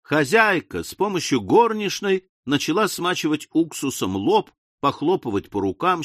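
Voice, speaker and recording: A man narrating an audiobook in a lively, expressive reading. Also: medium pitch, no room sound, studio quality. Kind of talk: scripted narration.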